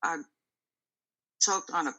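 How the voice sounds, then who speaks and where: A woman giving a candid account of being ill, short of breath, with a tight, swollen-throat voice and halting, emphatic repetition. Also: sharp tone, rough recording. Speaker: interview guest. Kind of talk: candid personal account of an illness.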